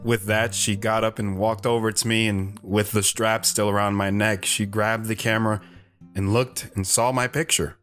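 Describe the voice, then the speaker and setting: A storytelling guest on a radio show plays a lone wanderer recounting his romance in dramatic first-person narration, with plucked guitar behind him. His fairly low voice is a bit bright and close to everyday speech, with little pitch movement and normal speed, and he sounds earnest, hesitant, wistful and reflective.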